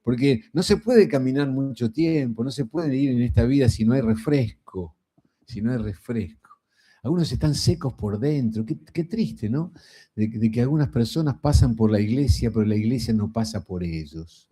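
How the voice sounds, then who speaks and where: Man, Rioplatense accent, middle-aged, preaching, chatty and folksy, warm mellow voice. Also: mid-range voice, expressive, normal speed, slight background noise. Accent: Rioplatense Spanish. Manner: folksy and conversational, frequent rhetorical "¿no?". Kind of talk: sermon.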